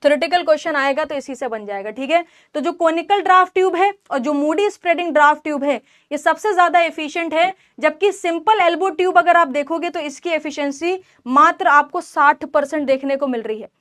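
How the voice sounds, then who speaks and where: A woman teaching an engineering class in a high voice, close and dry with no room sound. She poses questions to the students and answers them herself, and now and then teases them. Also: brisk, hardly any pauses, a bit bright, dry recording. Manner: teasing scolding asides to students. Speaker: engineering lecturer. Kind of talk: classroom lecture mixing Hindi and English terms.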